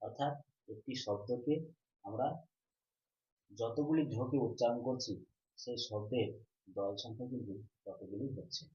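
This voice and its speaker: A man's voice: medium pitch, dark tone. Man teaching a grammar lesson. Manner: repetitive question-and-answer teaching, drawn-out syllables. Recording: roomy, slightly dull recording.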